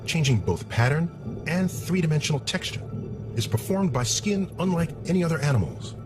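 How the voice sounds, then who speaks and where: A man hosting and narrating a nature documentary in a measured, scripted style, posing rhetorical questions. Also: a little high, expressive, over music.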